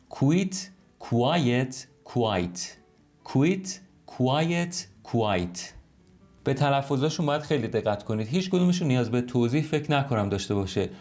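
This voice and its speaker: A man's voice: medium pitch, a little mellow. Man teaching English in Persian. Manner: explains patiently, slows right down to model English sentences. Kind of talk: online language lesson.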